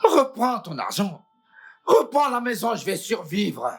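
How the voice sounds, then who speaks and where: A woman's voice: medium pitch, very animated, a little slow, vocal fry, slightly rough, faint music behind, heavily acted. A woman dubbing a panicked young husband in a French film dub, groaning, pleading and exasperated. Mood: despairing.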